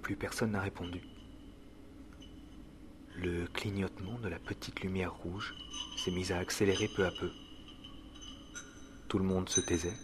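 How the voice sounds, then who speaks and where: A man playing the measured first-person narrator of an audio drama, reading scripted narration. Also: sits low, steady tone, noisy background. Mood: measured, hushed. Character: grave, measured male first-person storyteller.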